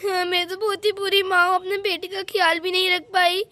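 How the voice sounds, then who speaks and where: A woman's voice: very high-pitched, level tone, brisk, sharp tone, no echo. A woman voicing a frantic young village mother in a doll story, wailing and panicky as she searches for her son. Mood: tearful.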